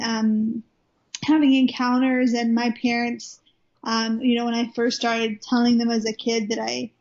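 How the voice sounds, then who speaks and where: Speaking in a high-leaning, slightly mellow voice, this young Welsh woman with an American-sounding accent shares her story as a guest minister in a relaxed interview. She talks chattily, constantly using fillers and starting over. The lo-fi recording is muffled.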